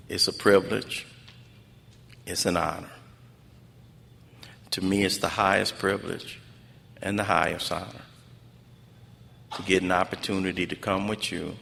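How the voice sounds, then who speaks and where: Speaking at a recovery fellowship convention, this Los Angeles man has a low, gravelly voice held in a steady, narrow range. He delivers a preacher-like testimony, emphatic and colloquial, repeating phrases for effect. It's recorded through an echoey PA in a large conference hall with background noise.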